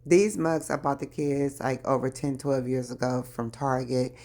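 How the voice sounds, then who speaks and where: Low-voiced chatty middle-aged woman. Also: fairly even intonation, normal speed, darkish tone. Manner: chatty, addresses viewers as y'all. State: early morning voice. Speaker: lifestyle vlogger. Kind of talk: casual chat while decluttering.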